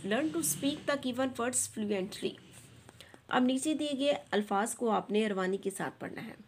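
Slow, careful woman teacher with Pakistani accent. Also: high-pitched. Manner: reads English sentences slowly and carefully, then explains them briskly. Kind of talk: textbook lesson, reading English lines then explaining in Hindi-Urdu.

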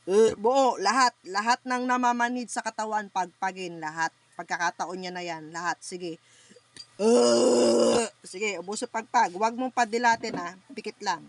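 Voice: mid-range voice, fairly even intonation, normal speed, few pauses, a bit bright, no room sound. A faith healer leading an online healing session over a video call, chanting incantations and giving short repeated commands.

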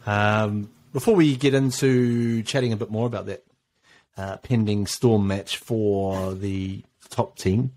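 Easygoing New podcast host. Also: male voice, on the low side, fairly even intonation, takes it slowly, a little mellow. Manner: easygoing, leads the talk with filler-laden questions. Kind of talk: casual sports chat.

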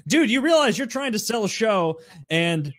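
A man's voice: high voice, very animated, normal speed, fairly bright tone. A man co-hosting a podcast, talking in a casual, mocking way. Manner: mocking, does impressions. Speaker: podcast co-host. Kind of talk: casual chat.

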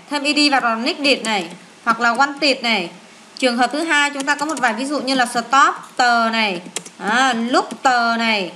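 A woman teaches an English lesson in a classroom with a high, bright voice. She quizzes students briskly and drills answers with rhyming memory phrases. A faint hiss sits under her voice.

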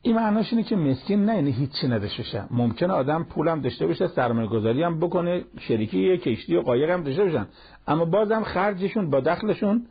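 A man with a rough, gravelly, raspy voice gives a Quran lesson as a storyteller, slipping into the speakers' lines as he retells the dialogue. The sound is dull and lo-fi, like an old television broadcast. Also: fairly high pitch. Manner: retells a story in plain colloquial speech, acting out the dialogue. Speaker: Quran teacher.

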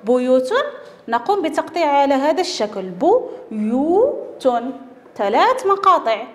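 Woman, schoolteacher, high lively voice, drawn-out syllables, reverberant room. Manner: slow, drawn-out syllables for children. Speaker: teacher. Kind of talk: primary school reading lesson. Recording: echoey room with long reverb.

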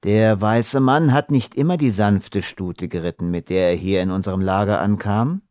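A male narrator voicing a proud, scornful young warrior with sharp, cutting speech in an audiobook. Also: on the low side, normal speed, dry recording, studio quality, close to an everyday voice. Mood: dry.

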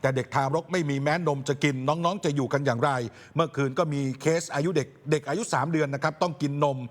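Brisk male news anchor, reverberant. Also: fairly high pitch. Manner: brisk newsreading with polite particles. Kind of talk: news narration.

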